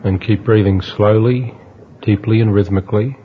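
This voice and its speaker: A man guiding a relaxation exercise in a slow, hypnotist-like manner, with long pauses between instructions. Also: fairly low pitch, steady tone. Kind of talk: guided relaxation narration. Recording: dull lo-fi audio with faint noise.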